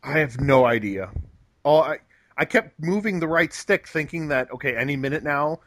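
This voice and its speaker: A man's voice: fairly high pitch, expressive, moderate pace, fairly bright tone, no echo. A young man hosting a casual gaming podcast, talking with hesitant fillers and restarts and a dry sense of humor. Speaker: podcast host.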